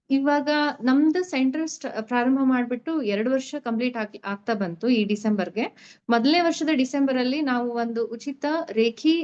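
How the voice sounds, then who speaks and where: A young woman introduces a free online reiki class in an earnest, halting way, often stopping to find her next words. Her voice sits a little high. The sound is dull and lo-fi, as over an online call. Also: a little mellow. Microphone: online call audio.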